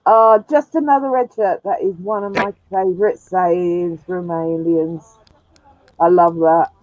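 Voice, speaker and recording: A woman with a lowish voice speaks a little slowly and fairly evenly while hosting a sci-fi live stream, chatting casually and laughing often. She's in a room with a glass roof, and the sound is dull, lo-fi and dry.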